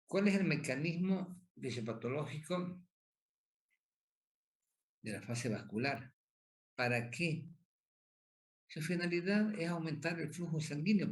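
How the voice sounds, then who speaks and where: A man giving a lecture who asks questions and answers them himself, repeats key points and keeps checking in with tag questions. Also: mid-range voice. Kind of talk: pathophysiology lecture.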